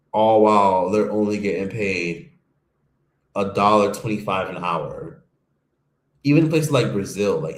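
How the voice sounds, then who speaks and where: A man from the United States hosting a stream, giving a casual, profane, rambling opinion monologue. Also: fairly low pitch. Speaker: streamer host. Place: home streaming setup. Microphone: streaming microphone. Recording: echoey room.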